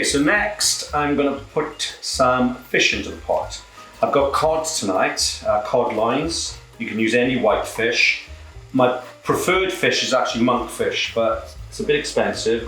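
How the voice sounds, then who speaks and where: A man's voice: medium pitch, lively intonation, unhurried, sharp tone, echoey room, faint music behind, poor audio. A British man with a camp, cheeky manner, casually presenting a cooking demonstration as a home cook. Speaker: home cook presenting own recipe show. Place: indoor kitchen.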